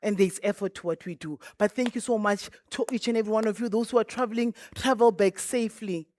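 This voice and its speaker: A woman's voice: mid-range voice, quick pace, darkish tone, no echo. A woman giving a closing speech at a launch event as a bank programme representative, earnest and chatty with repeated thanks and pleas. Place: event venue stage.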